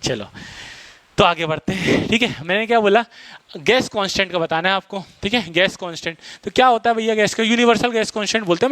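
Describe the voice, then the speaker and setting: A man teaching physics in a fast classroom lecture, firing quick questions at his students. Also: high-pitched, a bit bright, dry recording. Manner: fast-talking, quizzes students, mixes Hindi and English terms.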